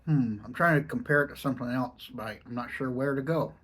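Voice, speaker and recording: A man's voice: mid-range voice, a little fast, fairly bright tone. An American man chatting casually in a rambling, folksy vlog style, his speech slightly muffled by a lip full of dipping tobacco. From Oregon, United States. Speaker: dipping tobacco review vlogger. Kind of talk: casual rambling chat to camera.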